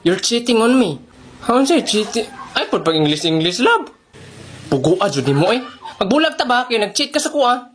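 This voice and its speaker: A speaker with a Cebuano accent, playing several roles in a comedy skit with quick banter. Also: mid-range voice, big pitch swings, a little hiss or hum.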